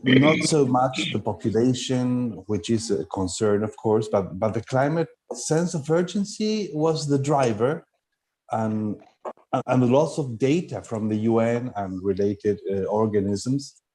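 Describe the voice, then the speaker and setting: A man from Chile who teaches cooking, answering questions over a video call in a measured, thoughtful way with frequent fillers. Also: mid-range voice, lively intonation, darkish tone. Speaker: culinary instructor. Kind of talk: online meetup interview.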